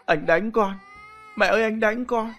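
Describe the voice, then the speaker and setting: A sick little boy whimpers to his mother in a high, thin, hushed voice, as a male narrator puts him on. He sounds scared and in pain, a small child in a spoken horror tale. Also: measured pace, faint music behind. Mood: frightened. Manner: whimpering, whispering.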